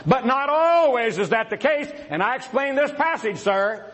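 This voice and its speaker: A man in a formal religious debate, firing rhetorical questions and taunting his opponent, swinging between a raised voice and low asides. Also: animated, normal speed, a bit bright, low-quality recording.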